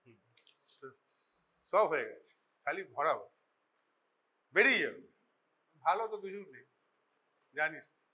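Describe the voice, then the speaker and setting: Bright-voiced Bengali lecturer in class. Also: male voice, on the high side, very animated, unhurried, pauses often. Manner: chatty, scolding, switches into English mid-sentence. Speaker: forensic medicine lecturer. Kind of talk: informal classroom teaching. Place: college classroom.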